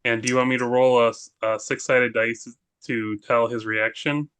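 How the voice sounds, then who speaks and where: A man's voice: medium pitch, little pitch movement, moderate pace, a bit bright, smooth. A man playing a tabletop role-playing game who explains his moves in a matter-of-fact way. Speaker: player.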